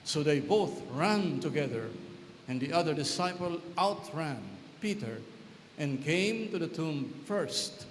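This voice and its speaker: Priest proclaiming scripture in cathedral echo. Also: male voice, a little high, expressive. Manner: formal, measured proclamation. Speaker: priest reading the Gospel. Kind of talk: solemn liturgical scripture reading. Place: large church, amplified. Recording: cathedral-like echo, long reverb, background noise.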